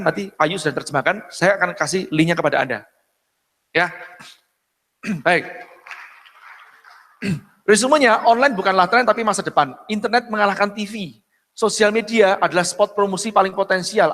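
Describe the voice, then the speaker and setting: A man with a fairly high voice gives a business seminar in a chatty lecturing manner. He checks in with his audience often and keeps clearing his throat. His voice rings with long reverb in a hall. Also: a bit bright. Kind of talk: live business seminar talk.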